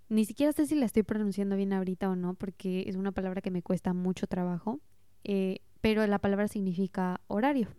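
A young Mexican woman with a Mexican accent tells stories in a relaxed, chatty way and pokes fun at her own mistakes. Her voice is mellow and smooth, and it sounds dry and close, with no room around it. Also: mid-range voice, dry recording. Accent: Mexican Spanish. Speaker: vlogger sharing language-learning stories. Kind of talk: casual storytelling monologue.

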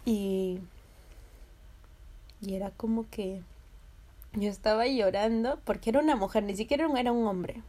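Speaking in a mid-range voice at a moderate pace with long pauses, this young Peruvian vlogger casually recounts something that happened to her. Her delivery is lively, full of laughter and swearing, and she imitates the voices of the people she quotes.

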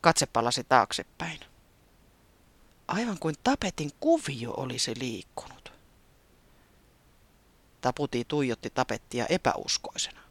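Lively storybook narrator. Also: medium pitch, long pauses, dry recording. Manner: lively, expressive read.

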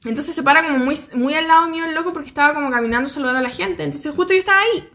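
A young Chilean woman with a Chilean accent, telling a story to her viewers in a lively, slangy way and acting out what people said. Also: sits high, rapid-fire. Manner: animated, laughing, slangy, acts out quotes. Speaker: vlogger.

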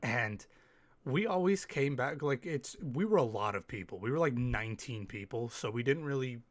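A man rants and tells stories on his own podcast, animated and loose, dropping curses and quick asides. He sounds a little sick and coughs now and then. His voice sits at an ordinary middle pitch and is recorded close and dry, with no room around it. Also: no room sound. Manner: animated storytelling, swears freely, quick asides. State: slightly sick, occasional cough. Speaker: podcast host. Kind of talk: casual solo podcast rant.

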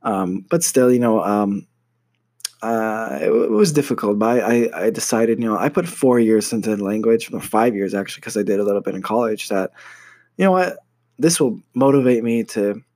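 A young American university student tells a personal story about his studies, casual and hesitant, with plenty of fillers and restarts. His voice is on the low side, expressive and a little mellow, at a moderate pace, recorded with no echo.

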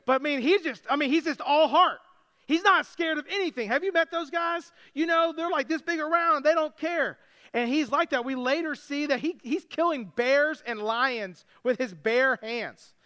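A man's voice: extremely high pitch, moderate pace, pushed and bright. A young man preaching a sermon as pastor, casual and joking as he tells the story.

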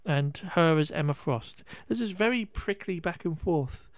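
A man's voice: a little high, animated, unhurried, dry recording. A man hosting a podcast, recapping a film in a casual, rambling way, wry and exasperated, with restarts and the odd swear word. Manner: occasional swearing. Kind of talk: casual chat.

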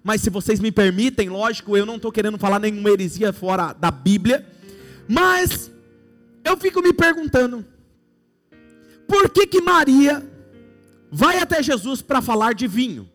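A man's voice: high voice, animated, normal speed, a bit bright, faint music behind. A man with a Brazilian Portuguese accent preaching a sermon, telling playful stories and acting out imagined scenes.

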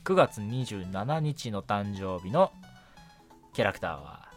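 On a night radio show with soft music underneath, a man talks on his own about anime and manga in a lowish voice full of pitch swings. He takes it slow, staying casual and courteous and often dropping in short affirmations.

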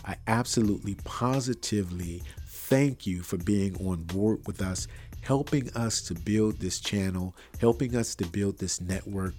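A man with a bassy, darkish voice speaks at a measured pace as host of a faith-tinged motivational podcast. He is earnest and preachy, repeating phrases for emphasis. The recording comes from an untreated room with wires and no acoustic treatment.

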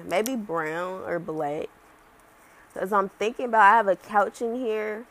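A woman's voice: on the low side, vocal fry, slight background noise. A woman of twenty-one talking casually and candidly on her own podcast, rambling and slangy. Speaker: podcast host. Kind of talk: casual solo podcast talk.

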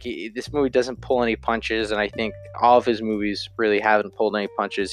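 A man's voice: mid-range voice, clear, resonant tone. A man giving a casual spoken film review, rambling with lots of fillers and self-corrections.

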